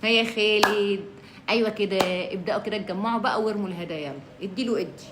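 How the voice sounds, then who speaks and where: A woman's voice: medium pitch, very fast, noisy background. A woman with an Egyptian Arabic accent chatting casually on a live stream, reading out viewers' names and teasing them playfully.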